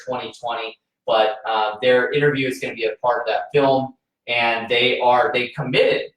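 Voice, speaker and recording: A man's voice: medium pitch, a bit bright. A man chatting casually as a podcast co-host, telling a story earnestly and often restarting his sentences. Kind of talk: casual chat. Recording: very echoey room, voice far from mic.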